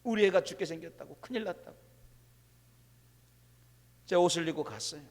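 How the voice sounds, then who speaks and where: Male pastor, high voice, dynamic sermon delivery with long church reverb. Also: brisk. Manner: dynamic, shifting from hushed asides to loud proclamations. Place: church sanctuary.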